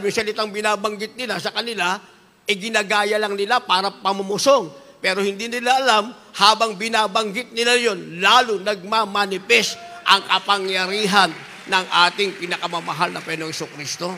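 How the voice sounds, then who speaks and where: A woman's voice: mid-range voice, steady tone, a little fast, bright, forceful tone, in a large hall. A woman preacher giving an impassioned sermon, fervent and repetitive, slipping between languages. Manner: fervent, repeats "beloved" refrain, switches into English.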